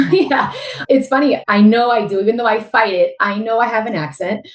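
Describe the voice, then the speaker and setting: A woman in her thirties with a Miami accent appears as a guest in a casual interview, telling her story openly and candidly. Her voice is a little high and reverberant, at a normal speed.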